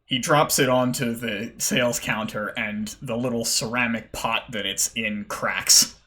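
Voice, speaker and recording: A man running a tabletop game as game master, narrating with a relaxed, halting delivery. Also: mid-range voice. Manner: relaxed, hesitant with fillers and restarts.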